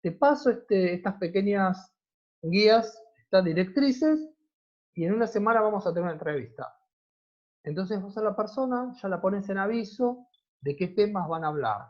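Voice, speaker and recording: Teaching a university class online, an Argentine man speaks in a high, animated, slightly mellow voice at a moderate pace. He frequently checks on his students and answers the questions he asks, all in lo-fi sound.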